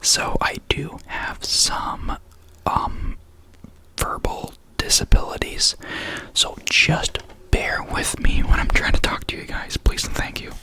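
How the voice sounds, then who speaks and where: A young adult ASMR creator talks casually at a slow pace, whispering softly and unvoiced close to the microphone, with a lisp and an occasional stutter.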